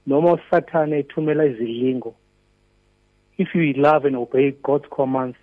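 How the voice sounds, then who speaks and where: A man's voice: mid-range voice, moderate pace. A man, a native Zulu speaker with a Zulu South African accent, phones a religious radio show to share a devotional message. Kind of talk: devotional testimony. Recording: muffled phone line on radio.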